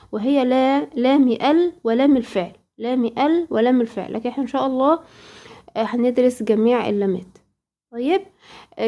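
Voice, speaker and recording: A woman's voice: on the high side, warm tone. A woman with an Egyptian accent, teaching a recorded tajweed lesson and patiently repeating points to a female student. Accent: Egyptian Arabic. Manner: patient and repetitive, addressing a female student directly. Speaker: Quran recitation teacher.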